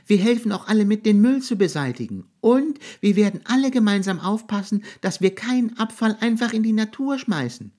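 A man putting on a shrill little mouse. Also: animated, fairly quick, few pauses, a little mellow. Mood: encouraging. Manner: shrill, urgent calling. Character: small brave female mouse.

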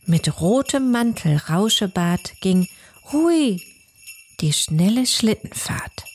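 A woman's voice: medium pitch, very animated, slightly rough, soft background music. Woman narrating a rhyming storybook. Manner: measured and hushed at times.

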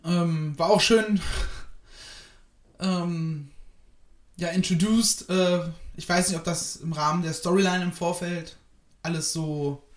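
A man's voice: high-pitched, steady tone, slow, echoey room. A man giving a casual spoken review of a wrestling show, hesitant and rambling with many fillers.

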